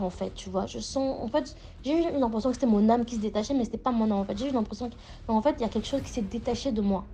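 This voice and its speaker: A woman's voice: a little high, mellow, slight background noise. A young adult woman telling a personal story in a casual, rambling way, full of fillers and restarts. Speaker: storyteller sharing a personal experience.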